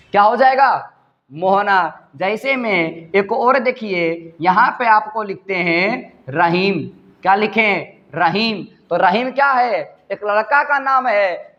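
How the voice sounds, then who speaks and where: A man's voice: high voice, highs cut off. A man, teaching a Sanskrit translation lesson. He asks each point as a question and then answers it himself.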